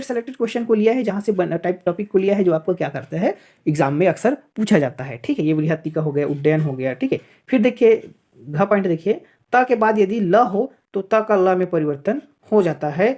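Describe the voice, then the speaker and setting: A woman's voice: mid-range voice, warm tone. A woman teaching an exam-prep grammar lesson, repeating each example and checking in with "okay" as she goes. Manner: addresses viewers as friends, repeats examples, frequent "thik hai" checks.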